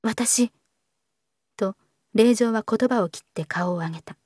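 A woman narrating a novel in a calm, measured audiobook reading. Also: medium pitch, dry recording, studio quality.

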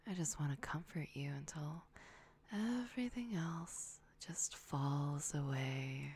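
A young woman whispering softly in an intimate ASMR roleplay, slow and soothing, doting on the listener with hums and soft giggles. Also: low-pitched, slight background noise. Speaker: audio roleplay performer.

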